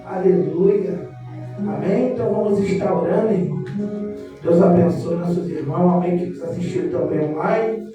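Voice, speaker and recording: A woman's voice: fairly low pitch, moderate pace, far from the mic. A woman from Rio de Janeiro with a Carioca accent leads a church service, preaching and praying fervently, chanting some phrases and asking the congregation for amens. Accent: Carioca Brazilian Portuguese. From Rio de Janeiro, Brazil. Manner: fervent, often chanting phrases, prompting "amen?" replies. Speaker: church leader closing a service. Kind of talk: sermon and closing prayer. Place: small church hall. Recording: echoey church sound heard from afar with music. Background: instrumental music.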